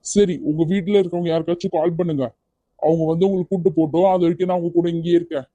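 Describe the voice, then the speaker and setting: A performer voicing a kind, persistent young man in a cartoon, firm yet gentle as he coaxes someone to come along. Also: medium pitch, little pitch movement, fast talker, no room sound, lo-fi sound, natural voice. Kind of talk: cartoon voice acting.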